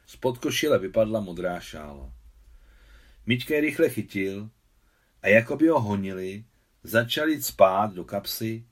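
A man narrating a novel aloud with expressive storytelling. His voice is lowish and slightly husky. The pitch rises and falls with lively movement. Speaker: translator reading his translation. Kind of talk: audiobook reading.

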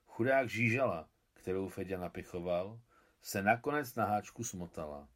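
A man with a fairly low voice reads a novel aloud as audiobook narration. His delivery is steady and measured, like a translator reading his own work.

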